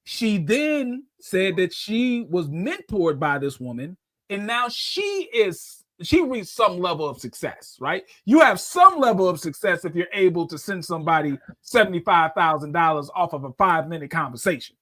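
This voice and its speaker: A man with a fairly high voice hosts a live call-in show, explaining things at length in a loose, conversational way. The sound is dry and close, with no room around it. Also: sing-song, normal speed, pushed and bright, no room sound. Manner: conversational, explains at length, brings callers on air. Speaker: host.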